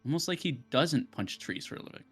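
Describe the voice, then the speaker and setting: A man's voice: on the high side, animated, fast talker, fairly bright tone, slightly rough. A man narrating as game master for a tabletop game, teasing his players and laughing often.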